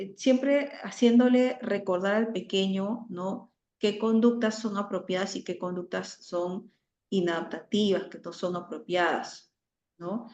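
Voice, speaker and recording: A woman giving an online class lecture, often ending phrases with a questioning tag and pausing on fillers. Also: mid-range voice, darkish tone. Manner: frequent "¿no?" tags and hesitations. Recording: roomy, dull lo-fi audio.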